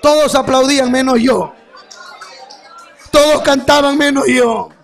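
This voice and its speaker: A man giving a fervent testimony sermon as guest preacher, rising to shouts and calling out to his brothers. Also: very high voice, measured pace, gravelly, soft background music.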